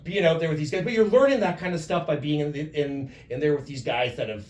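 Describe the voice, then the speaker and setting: A man from Canada, a guest wrestler, telling lively stories with plenty of swearing in a casual interview. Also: a little high, fast, far from the mic. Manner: animated storyteller, swears freely. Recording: roomy, off-mic with faint ambience.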